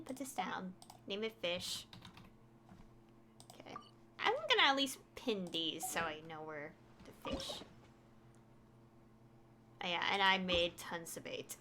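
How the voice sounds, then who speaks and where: This woman's voice sits on the high side as she streams a game, chatting loosely and thinking out loud while playing. Game music and other background noise can be heard.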